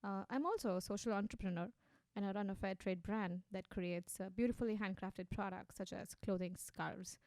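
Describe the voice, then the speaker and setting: A woman in her thirties from India, a native Hindi speaker with an Indian accent, tells her story with animated warmth as a radio interview guest. Her voice is medium-pitched and moderately paced, with no room sound.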